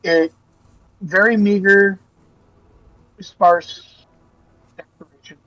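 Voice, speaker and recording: A man running a tabletop game as game master over a voice call, soft-spoken, his audio choppy and cutting out as his phrases trail off. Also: high voice, fairly even intonation, extremely slow, no room sound, rough recording. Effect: choppy audio cutting out at phrase ends. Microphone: voice call mic, quiet.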